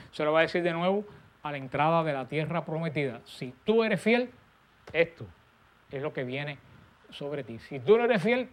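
A man preaching a sermon, stressing key words and letting his voice fall soft and low at the ends of phrases.

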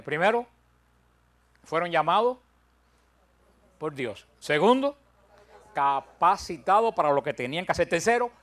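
An older man teaching a Bible study, counting out his points with emphasis and telling self-deprecating stories with humor. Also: fairly high pitch.

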